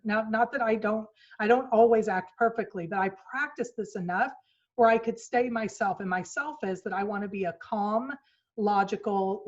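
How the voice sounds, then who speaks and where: Woman telling an earnest story, slightly muffled. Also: mid-range voice. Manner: earnest storytelling, acts out quoted lines with shifts in tone. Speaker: speaker at a virtual retreat. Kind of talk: motivational talk. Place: home office. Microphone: video call mic.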